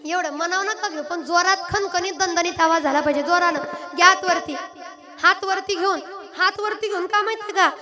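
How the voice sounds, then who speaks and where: A woman kirtan preacher, leading a devotional sermon and teasingly coaxing the audience to chant louder into a PA microphone. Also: very high voice, moderate pace, music in the background. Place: live religious gathering with audience. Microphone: microphone through a PA system. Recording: live crowd behind. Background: audience responding and chanting.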